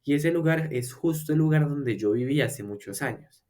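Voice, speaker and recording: A man teaching a beginner language lesson, patiently explaining step by step with repeated examples and slowing down to model words. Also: fairly high pitch, darkish tone. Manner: slows down to model English words for repetition. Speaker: English teacher.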